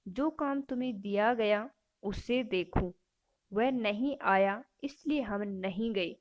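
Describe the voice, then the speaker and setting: Lady teacher reading out quiz options then explaining the answer, talks slow. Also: mid-range voice, dull audio. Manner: self-correcting. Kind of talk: exam-prep grammar lesson.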